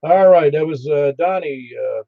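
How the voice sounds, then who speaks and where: A man working as a ham radio net controller, halting and easygoing as he takes an informal roll call. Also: on the high side, expressive, gravelly, no room sound. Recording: dull band-limited ham radio audio.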